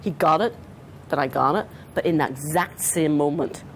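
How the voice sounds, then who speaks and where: An Australian woman giving a conference talk as a trauma therapist, animated and acting out dialogue with clients. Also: low-pitched, normal speed, a little hiss or hum. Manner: animated, acts out client dialogue, talks with her hands. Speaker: trauma therapist presenting to counsellors. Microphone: not handheld, clip-on.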